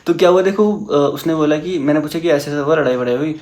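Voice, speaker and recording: A young man telling a personal story in casual chat, animated and mixing English words into his talk. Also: a little high, fast. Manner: animated, mixes English into Hindi.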